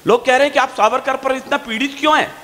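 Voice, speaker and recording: A man reciting his poetry on stage in a fiery, declaiming style, stretching his verse lines slowly. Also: extremely high pitch, steady tone, bright, forceful tone. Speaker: poet on stage. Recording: long hall reverb.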